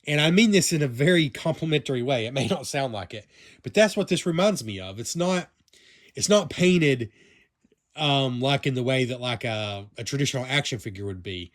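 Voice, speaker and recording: A man's voice: medium pitch, animated, normal speed. A man from the American South with a Southern accent, casually reviewing a vinyl toy in a rambling, chatty way full of fillers and self-corrections. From Southern United States. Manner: talks to himself while handling the toy.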